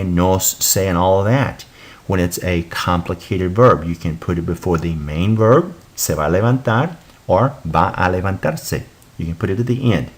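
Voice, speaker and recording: A deep-voiced man leads a recorded Spanish lesson, patiently explaining the material. He repeats his examples and then translates them.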